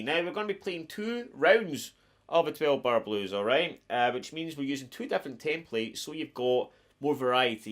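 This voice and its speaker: A man's voice: medium pitch, a bit bright. A middle-aged man with a broad Scottish accent, giving a casual guitar lesson to camera. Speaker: guitar teacher. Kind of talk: casual instructional talk to camera. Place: small attic home music room, indoors. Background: electric guitar playing.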